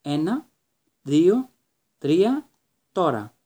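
A man's voice: fairly high pitch, big pitch swings, warm tone. A man putting on a cheerful encouraging teacher. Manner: brisk, encouraging, calls out to pupils. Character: cheerful encouraging male teacher, middle-aged.

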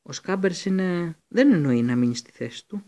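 A man's voice: sits high, animated, dark tone, voice pushed up. A man voicing an anxious, clever teenage schoolgirl who pleads urgently. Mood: pleading.

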